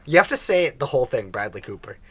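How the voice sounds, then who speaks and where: A man co-hosting a podcast from a home basement, chatting casually with lots of laughs and quick restarts. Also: a little high, sing-song, no echo. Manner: laughing, joking banter with frequent restarts. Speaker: podcast co-host. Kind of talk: casual chat.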